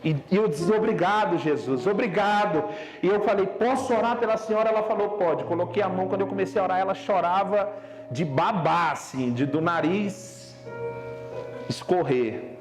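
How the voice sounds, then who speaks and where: A young man from Brazil, a pastor telling a story in a Sunday sermon, swinging between loud urgent preaching and low, slow emphasis. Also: faint music behind. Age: young adult. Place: church service.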